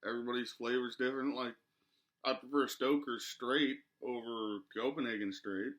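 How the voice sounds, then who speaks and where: A man's voice: mid-range voice, steady tone, moderate pace, fairly bright tone. Young man, mouth packed with dip. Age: 20s. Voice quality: speech slightly muffled by a lip packed with dip. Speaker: product reviewer. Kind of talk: casual chat review. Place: small living room, indoors.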